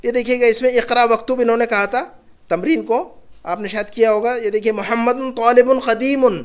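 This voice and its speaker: A man's voice: very high-pitched, steady tone, fairly quick, clean tone. A man teaching an Arabic grammar lesson, patiently repeating example words and sentences.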